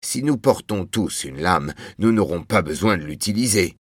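An eager, clumsy dreamer of a husband, as a man reading a storybook puts him on, his voice cracking with excitement. The voice sits low but lifts when he gets worked up, heard close and dry. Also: moderate pace, husky, dry recording. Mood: defiant.

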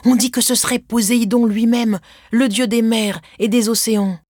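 A woman voicing a gossiping palace serving woman in a storybook, speaking in a hushed, confiding way. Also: a little high, fairly even intonation, moderate pace, dry recording, clean studio sound, pitched above the performer's own voice, close to an everyday voice.

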